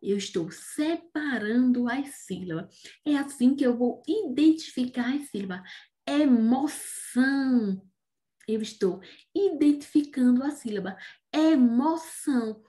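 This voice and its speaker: A Brazilian woman teaching young children about syllables, slow and patient, often checking in with "né?" and "não é?". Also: a little high, expressive, dark tone. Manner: slow and patient, asks "né?" and "não é?" after most points; says words slowly, syllable by syllable. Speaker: primary school teacher. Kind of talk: remote reading lesson for young children.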